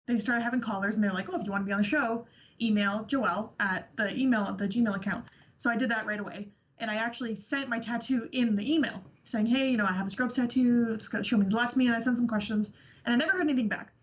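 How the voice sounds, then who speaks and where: A woman's voice: fairly high pitch, quick pace. Bubbly young woman, muffled lo-fi audio. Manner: breathless, gushing, quotes herself a lot. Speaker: interview guest. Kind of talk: excited personal storytelling.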